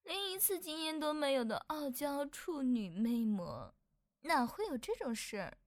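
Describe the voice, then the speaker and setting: A clumsy young succubus trainee with a tsundere streak, as a woman acts her out, speaking in a very high, unhurried voice. She giggles and teases her way through the audio drama. The recording is close and dry. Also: sing-song, no echo. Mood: teasing, giggly. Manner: giggly and teasing. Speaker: voice actress.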